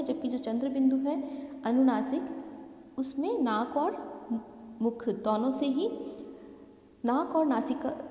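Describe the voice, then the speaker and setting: A woman teacher giving a slow, explanatory grammar lesson, spelling out each correction step by step. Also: sits high, dark tone. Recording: echoey room with long reverb.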